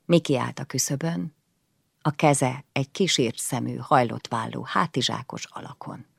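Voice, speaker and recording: A woman's voice: extremely low pitch, vocal fry, slightly rough, dry recording, clean studio sound. A woman reading a first-person novel aloud in an intimate way, often dropping to a whisper. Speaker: audiobook reader.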